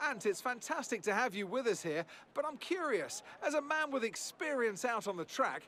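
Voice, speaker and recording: A man's voice: extremely high pitch, very animated, normal speed, sharp tone, full character voice. A man voicing a lead motor-race commentator in a video game, giving polished, upbeat scripted broadcast commentary. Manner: upbeat, polished presenter delivery.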